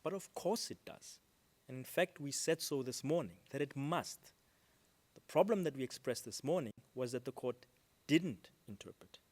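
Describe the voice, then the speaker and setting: A man delivers a formal legal rebuttal in a courtroom, speaking into a desk microphone at a middling pitch. He is measured and deliberate, fills gaps with ums, and leans hard on the words that carry his point. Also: lively intonation, darkish tone. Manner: measured, with frequent ums and stresses on key words. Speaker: counsel for a state at a court hearing.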